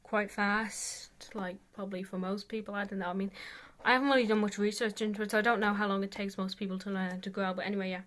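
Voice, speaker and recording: A woman's voice: mid-range voice, fairly even intonation, fast talker, few pauses, fairly bright tone. A woman giving a casual, rambling tutorial as an amateur vocalist, hesitant and self-deprecating, saying "like" very often.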